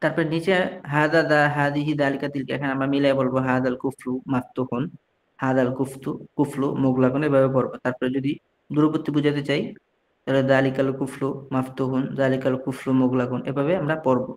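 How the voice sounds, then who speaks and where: A man from Bangladesh leads an online lesson at a middle pitch. He drills short phrases one at a time, reads each one and then translates it. He often stops mid-word and starts again. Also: little pitch movement, a little fast. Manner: frequent restarts and mid-word corrections. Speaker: Arabic teacher.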